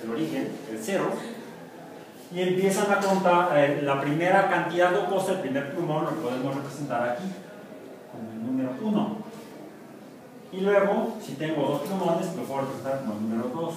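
A Mexican man gives a university math lecture, joking and quizzing his students as he goes. His voice sits a bit high, heard from across a very echoey classroom with clear room noise behind it. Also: animated, normal speed, far from the mic. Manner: jokey, asks the class questions.

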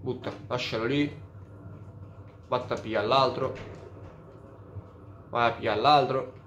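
A man chatting through a let's play, cursing often and admitting out loud that he is lost. His pitch sits at an ordinary middle. The sound carries a noticeable room echo. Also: steady tone, a little slow, dull audio, slight background noise. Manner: profane, openly baffled. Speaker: gamer. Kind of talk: casual let's play commentary. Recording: roomy echo.

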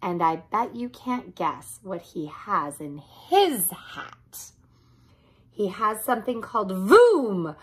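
Lady doing big cocky storybook tomcat, showy and cheerful, kinda slow and husky. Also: mid-range voice, very animated, heavily acted. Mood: showy, mysterious. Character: big boastful, cheerful male cat, confident trickster. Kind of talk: storybook character reading.

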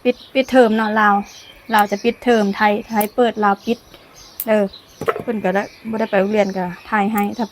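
Lao woman vlogger, easygoing cook-along chat, mid-pitched, laughs a lot, outdoors on camera. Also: level tone, a little fast, slight background noise. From Laos. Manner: chatty, laughs often while talking. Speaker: cooking vlogger. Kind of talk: casual cooking vlog chat. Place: outdoors in sunshine. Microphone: camera filmed by her niece.

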